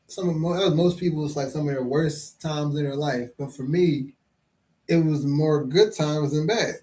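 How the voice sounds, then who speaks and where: A man's voice: a little high, darkish tone. A man hosting his own podcast livestream, talking loosely and jokingly in casual chat and swearing freely. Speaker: podcast host and comedian.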